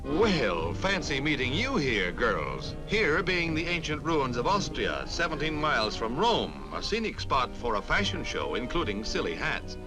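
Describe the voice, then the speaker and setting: A man's voice: medium pitch, big pitch swings, unhurried, hardly any pauses, rough recording. A man giving dramatic, declamatory 1950s newsreel narration with wry quips, heard as old newsreel sound from a film soundtrack. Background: music.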